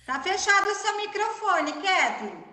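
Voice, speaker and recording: A woman moderates an online event with a high, bright voice. Her video-call audio has a roomy echo, and she speaks to the audience with encouragement. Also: sing-song, measured pace. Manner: encouraging, addresses the audience directly. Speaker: event mediator.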